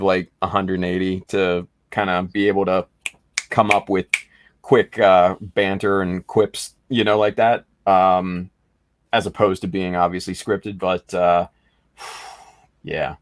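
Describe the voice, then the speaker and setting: Casting: man, low voice, slow unhurried delivery, enthusiastic rambling chat, dry close sound. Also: level tone, no echo. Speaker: podcast co-host. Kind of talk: casual chat.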